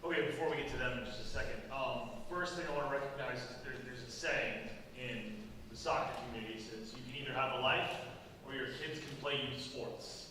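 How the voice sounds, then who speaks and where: A man's voice: mid-range voice, brisk. A man, a girls soccer coach, making casual, offhand remarks at a ceremony. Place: school hall. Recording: echoey hall, voice from far off, noisy.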